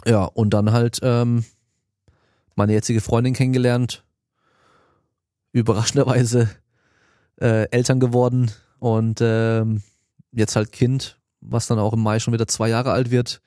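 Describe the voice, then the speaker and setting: A man's voice: mid-range voice, little pitch movement, unhurried, pauses often, dark tone, no echo, studio quality. A man in his thirties hosting a podcast, answering listener questions in a loose, colloquial way. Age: 30s. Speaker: podcast host and strength coach. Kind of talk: casual podcast Q&A.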